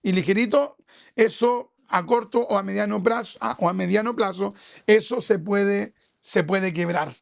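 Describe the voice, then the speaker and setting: A Chilean man preaching to a congregation, his voice rough with gravel. He keeps it conversational and checks in with his listeners through question after question. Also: high-pitched, normal speed. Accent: Chilean Spanish. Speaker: pastor. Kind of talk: sermon.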